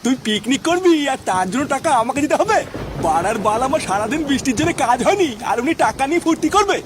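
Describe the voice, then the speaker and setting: A man's voice: very high voice, music in the background. A man playing a foul-mouthed hot-tempered father. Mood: scolding. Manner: scolding, swearing, fast and lively. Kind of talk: comedy sketch acting. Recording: noisy ambience with passing vehicles.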